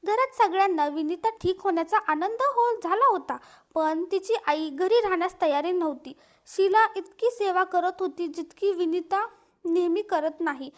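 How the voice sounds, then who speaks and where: A woman narrating an emotional family story in a calm, even, scripted reading. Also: very high voice, normal speed.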